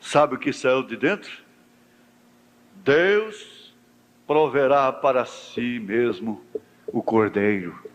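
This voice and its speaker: A man's voice: very slow, pauses often. Fervent preacher man in a long echo. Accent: Brazilian Portuguese. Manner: preaching with sweeping swings between soft low talk and high fervent cries. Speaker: pastor. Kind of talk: sermon. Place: church. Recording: echoey church hall recording.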